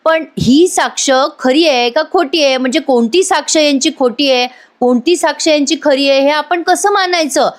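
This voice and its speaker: A woman reading a sharp female lawyer. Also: high voice, moderate pace, pitched above the performer's own voice, close to an everyday voice. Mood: challenging. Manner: pointed, challenging questions.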